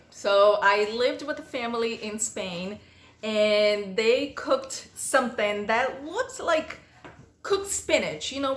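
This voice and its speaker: A Portuguese-native vlogger with a mid-range voice reads questions aloud and answers them conversationally, like telling stories, in a casual Q&A vlog. The sound is roomy.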